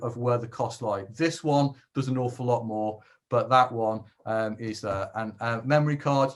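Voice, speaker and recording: A man giving an informal webinar talk on video gear, chatty with dry jokey asides, over a video call. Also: mid-range voice. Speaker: webinar presenter.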